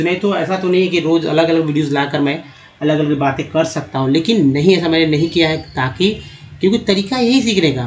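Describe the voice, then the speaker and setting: A man explains how to read English words, talking to his viewers as friends. His voice sits a little high for a man. He stretches out vowel sounds and often asks a question, then answers it himself. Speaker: English teacher. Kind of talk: spoken lesson on reading English.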